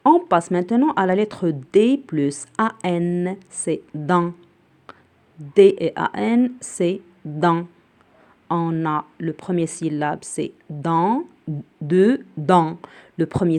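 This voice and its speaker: Woman teacher, low mellow voice, spells and repeats words very slowly for kids. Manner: spells out letters and repeats each word slowly; glosses words in Arabic. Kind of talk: slow spelling and reading lesson for children.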